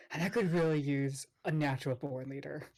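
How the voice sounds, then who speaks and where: A woman's voice: low voice, a little slow, a little mellow. A proud celestial commander from a tabletop game, voiced by a woman. He speaks bluntly, with exasperated, wounded dignity. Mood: exasperated, humbled. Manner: blunt, dignified but humiliated.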